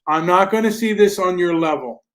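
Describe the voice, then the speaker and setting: A man's voice: high-pitched, normal speed, fairly bright tone, slight background noise. A man hosting his podcast in casual chat, stammering and repeating words when pressed. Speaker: podcast host.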